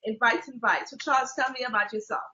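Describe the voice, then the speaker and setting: A woman's voice: fairly high pitch, steady tone, quick pace, bright, forceful tone. A woman hosting a casual talk show, teasing her guests and laughing often. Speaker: host. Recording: lo-fi, roomy sound.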